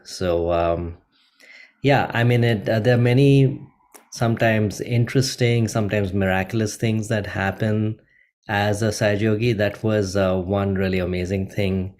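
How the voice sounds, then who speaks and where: A middle-aged man from India hosting a guided meditation, talking gently and unhurriedly with many ums and uhs. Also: lowish voice. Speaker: meditation host.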